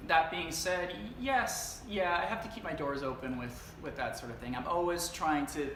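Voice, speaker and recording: A young Canadian actor talks about his life and work in a casual interview, earnest and reflective, often pausing with "um" and starting over. His voice is a little high with a fairly bright tone, recorded in an echoey room with background noise.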